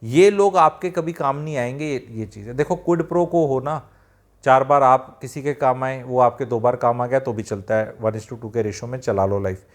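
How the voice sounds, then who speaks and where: A man's voice: mid-range voice, normal speed. A man speaking directly to viewers in an advice talk, plain-spoken and addressing them as friends. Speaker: self-help speaker.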